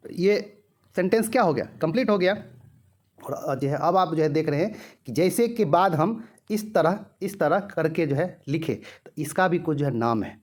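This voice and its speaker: Male tutor, slightly higher voice, filler-heavy explainer, asks and answers his own questions. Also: a little mellow. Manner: heavy use of filler "jo hai", rhetorical questions answered himself; repeats example sentences slowly. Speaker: teacher. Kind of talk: exam-prep grammar lesson.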